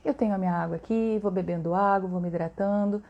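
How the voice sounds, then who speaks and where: A woman's voice: mid-range voice, steady tone, quick pace, gravelly, lo-fi sound. A middle-aged woman with a Brazilian accent, a voice therapist chatting on a live stream and answering viewers, talkative and full of tag questions. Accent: Brazilian Portuguese.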